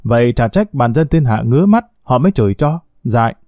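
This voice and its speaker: Man doing cocky flippant young guy, quick brash talk, dark dry voice. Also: mid-range voice, expressive, no room sound, natural voice. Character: cocky idle young man, lazy son.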